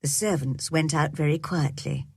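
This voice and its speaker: A woman reading a graded storybook aloud for English learners, in a clear, measured manner. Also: low voice, steady tone, a little mellow, no room sound, studio quality. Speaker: audiobook reader. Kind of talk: slow storybook narration for learners.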